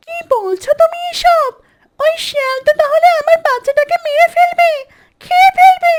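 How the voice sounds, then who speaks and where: A woman's voice: extremely high pitch, normal speed, very noisy. A woman voicing a mother duck who pleads tearfully for her lost duckling. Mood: distraught.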